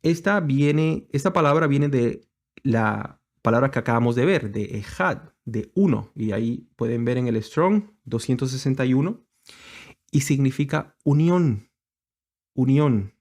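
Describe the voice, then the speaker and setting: A man's voice: mid-range voice, lively intonation, unhurried, darkish tone. Hesitant man teaching a sermon. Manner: hesitant, many fillers and restarts, explanatory. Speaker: congregation teacher.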